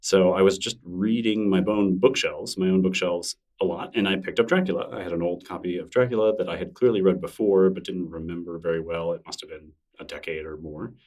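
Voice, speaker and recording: Chatting as a guest in a casual podcast interview, a deep-voiced middle-aged man talks fairly fast with hardly any pauses. He's relaxed, rambling and self-deprecating, keeps restarting sentences, and sits a bit off the distant mic.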